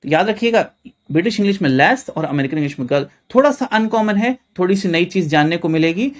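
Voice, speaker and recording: Lively teacher from India explaining vocabulary. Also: medium pitch, fast talker. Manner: addresses viewers as friends, repeats reminders to remember. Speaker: English teacher.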